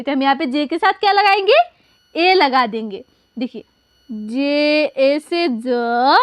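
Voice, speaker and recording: Slow, high-voiced woman teaching spelling. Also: fairly bright tone, dry recording. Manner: drawn-out spelling, repeats "to dekhiye", asks and answers her own questions. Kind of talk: slow classroom spelling lesson.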